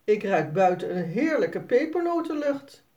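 A woman voicing a cheerful, playful male helper with a bouncy, excitable manner, in a read-aloud children's story. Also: mid-range voice, unhurried, recorded from a distance, dull audio.

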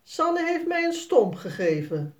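A woman's voice: high-pitched, very animated, measured pace, pitched above the performer's own voice. A woman voicing a boastful young boy who brags and acts tough, in a read-aloud children's story. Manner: cocky, bragging.

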